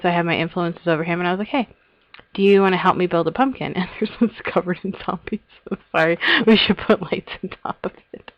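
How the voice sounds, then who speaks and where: A woman's voice: on the low side, dry recording, low-quality recording. A woman casually narrating a tour of her game world, chatty and giggly, often trailing off and restarting her sentences. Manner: chatty, giggly, self-interrupting. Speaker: Minecraft server host giving a tour. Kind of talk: casual rambling vlog narration.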